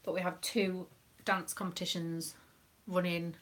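A British dance mum who live-streams crafts chats proudly and casually, her low voice flat, unhurried and a bit bright. There is a little hiss or hum in the audio, and she rambles along with frequent ums.

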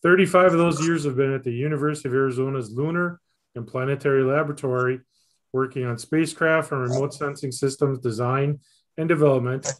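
A middle-aged man introducing a speaker on a video call from a small office, reading a bio with small slips and fillers. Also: medium pitch. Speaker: event host. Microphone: video call webcam.

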